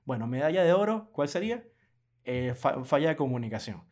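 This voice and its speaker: Animated podcast man. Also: medium pitch, fairly quick. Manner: animated, laughing, acts out quoted clients. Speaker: podcast co-host. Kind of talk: casual podcast chat.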